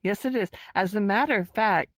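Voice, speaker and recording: A woman co-hosting a casual, flirty chat show, giggly and mock-innocent with drawn-out replies. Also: mid-range voice, no echo. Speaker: podcast co-host.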